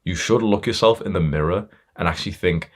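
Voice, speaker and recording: A man with a very low voice delivers a hard-edged motivational monologue. He talks straight at the listener, swearing freely and pushing harder as he goes, tripping over fillers and restarts along the way. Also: a little fast, breathy edge. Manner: blunt, confrontational, heavy swearing; fillers and self-restarts, building intensity. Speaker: motivational speaker.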